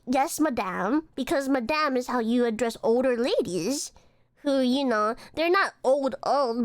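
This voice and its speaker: A woman streamer telling a story in a chatty, animated way, with laughs and fillers. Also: high voice, no room sound. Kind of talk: casual storytelling.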